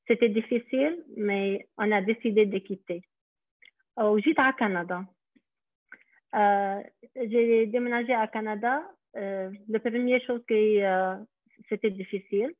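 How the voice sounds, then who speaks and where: A woman's voice: mid-range voice, no room sound. A middle-aged Lebanese woman with an Arabic-accented voice, giving a hesitant personal testimony on a webinar with many fillers. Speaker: daycare centre director. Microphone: video call. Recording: tinny phone-like video call audio.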